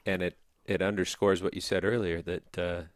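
A man with a deep voice works as an interviewer in a conversational oral history session. He listens attentively, sums up and prompts, in a dry, close-sounding recording. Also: flat delivery, normal speed, dry recording.

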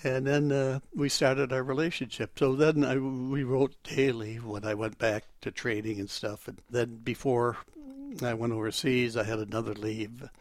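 A man in his eighties or older, a military veteran reminiscing in an interview, speaking haltingly with repeated words and self-corrections. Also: mid-range voice, flat delivery, dry recording, clean studio sound. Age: 80s or older. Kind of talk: reminiscing oral history interview.

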